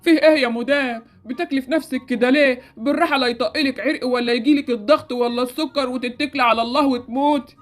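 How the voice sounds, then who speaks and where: A cheeky Egyptian doorman jokes his way through a scolding at a brisk clip, as a woman puts him on. The voice sits fairly high for a man. Faint music plays behind him. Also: steady tone, lightly acted. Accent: Egyptian Arabic. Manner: teasing, joking, unbothered. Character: male doorman, cheeky and easygoing.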